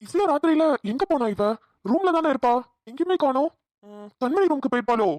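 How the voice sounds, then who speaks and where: A woman's voice: high voice, expressive, fast, a little mellow, no room sound. A woman voicing a young cartoon husband who likes to tease and tell spooky stories. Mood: searching. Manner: playful teasing, mock spooky storytelling. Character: young husband, teasing prankster. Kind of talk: cartoon voice dubbing.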